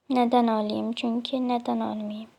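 A young Turkish woman talks through her gameplay in a casual, chatty way. She keeps nagging the other players with playful mock annoyance. Her voice sits high and has a gravelly edge. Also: darkish tone. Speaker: gamer.

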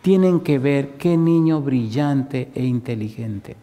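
A man, a pastor telling stories in a lively sermon and acting out the people in them. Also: mid-range voice, slow. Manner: lively storyteller who acts out the people in his stories. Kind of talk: storytelling sermon. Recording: long reverb of a large hall.

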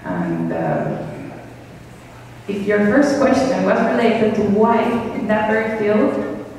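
A woman in her thirties giving a keynote talk and answering questions, speaking slowly and searching for words, with a handheld microphone in a large meeting room. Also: mid-range voice, big pitch swings, a little mellow, a little hiss or hum. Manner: slow, hesitant, searching for words. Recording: echoey hall from far off.

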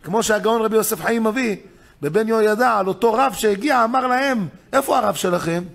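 A man, a rabbi giving a weekly Torah lesson, telling stories with big swings between loud excited emphasis and low hushed asides. He acts out the voices of the people in his stories. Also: gravelly. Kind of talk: animated storytelling lesson.

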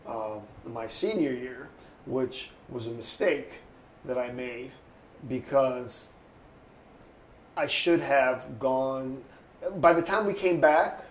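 This sixty-something photographer takes his time, pausing often as he rambles through anecdotes for an oral history. His voice sits in the mid range, and he acts out what others said. The room is echoey, with a little ambient noise.

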